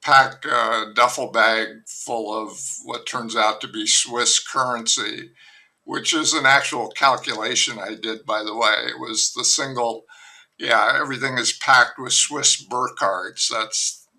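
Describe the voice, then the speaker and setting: In poor audio, a mid-range voice belonging to an older man comes through a little slowly. He's a novelist guesting on a laid-back podcast, talking in a wry, rambling way that's full of fillers and false starts.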